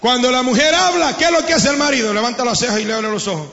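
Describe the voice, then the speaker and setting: A man. He speaks emphatically, sometimes shouting, and jokes with the congregation. The sound is muffled, with a long echo from a large church hall. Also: very high voice, quick pace. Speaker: preacher. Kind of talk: sermon. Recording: echoey hall, somewhat muffled.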